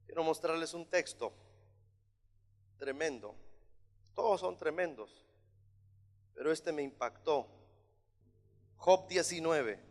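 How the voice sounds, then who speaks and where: A man preaching a sermon as pastor, emphatic and at times shouting. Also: a little high, expressive, slow pace, pauses often. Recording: long hall reverb.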